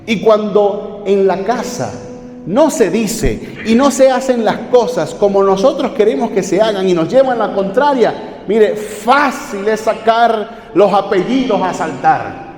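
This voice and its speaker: A man's voice: sits high, expressive, measured pace, a little mellow. A man preaching a sermon as pastor, asking the congregation question after question and calling them brothers. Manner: preaching with rhetorical questions and repeated appeals to "hermanos". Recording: echoey hall with faint music.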